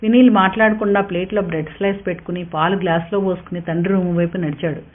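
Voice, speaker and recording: A woman narrating a scripted story in a steady, even reading voice. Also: fairly low pitch, fast. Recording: tinny narrow-band sound.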